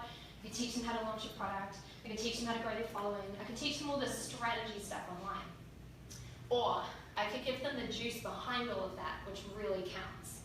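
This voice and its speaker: A woman's voice: a little high, a bit bright. Echoey, distant New Zealand woman giving motivational keynote. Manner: storytelling with rhetorical questions to the audience. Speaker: keynote speaker. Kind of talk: motivational keynote talk to a live audience. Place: indoor event room with an audience. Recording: distant mic, echoey room, noisy.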